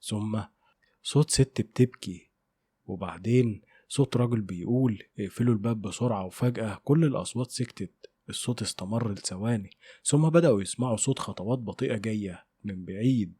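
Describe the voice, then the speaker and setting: Male horror narrator with an Egyptian Arabic accent, husky and dark, dry close sound. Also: fairly low pitch, no room sound. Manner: measured, suspenseful. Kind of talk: scripted horror story narration.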